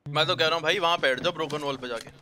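A young man live-streaming a mobile shooter, trading quick casual callouts and banter with teammates. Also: fairly high pitch, noisy background.

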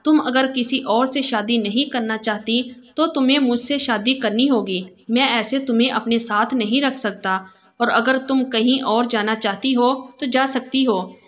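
A woman reading a storybook, voicing a calm, quietly sorrowful young man who speaks steadily. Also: a little high, measured pace, lightly acted.

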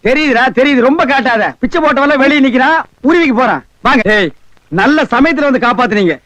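An actor playing a sharp-tongued man who mocks and insults the beggars around him in a film comedy scene. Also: extremely high pitch, animated, fast, dry recording, muffled recording. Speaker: comic lead in a film scene.

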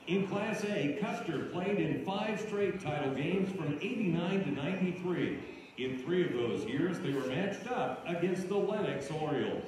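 A man's voice: fairly high pitch, lively intonation, measured pace, a crowd in the background. A man reading scripted sports narration. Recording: video played in an echoey hall from far off.

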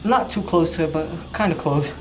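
A young man talking casually and bluntly to a handheld camera in a gym, swearing and boasting, with loud music playing behind him. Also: a little high, a little fast, heavy background noise. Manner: brash, swearing, joking bravado. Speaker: fitness vlogger. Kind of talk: casual gym vlog chat. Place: commercial gym, indoors. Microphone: handheld camera mic.

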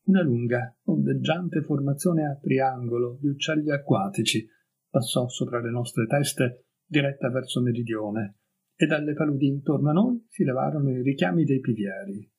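A man reading a story aloud as an audiobook, in a calm and measured narrating voice. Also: medium pitch, slightly rough, rough recording. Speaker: audiobook reader.

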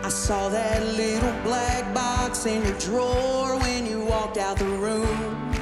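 A woman country singer belting a country pop song live on a big TV talent show stage into a handheld mic, with shouted hooks. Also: fairly high pitch, fairly even intonation, slow, loud music behind the voice. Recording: roomy live arena sound with loud band.

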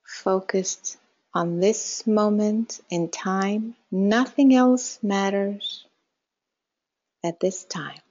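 Speaking with a mid-range voice, a woman leads a guided meditation extremely slowly, giving calm, measured instructions with long pauses. Her phrases settle softly at the end, and the recording is a bit muffled.

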